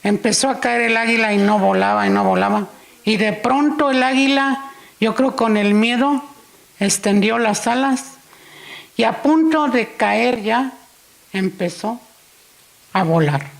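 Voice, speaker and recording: A woman's voice: on the high side, a little slow, gravelly. A woman preaching in church, unhurriedly telling a story and acting out its dialogue. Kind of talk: sermon storytelling.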